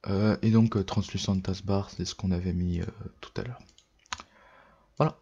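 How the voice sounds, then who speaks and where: A man's voice: low-pitched, fairly even intonation, normal speed, warm tone, husky, lo-fi sound. A tired man giving a casual, hesitant computer tutorial, full of fillers and self-corrections. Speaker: tech tutorial youtuber. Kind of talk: casual screen-recorded tutorial.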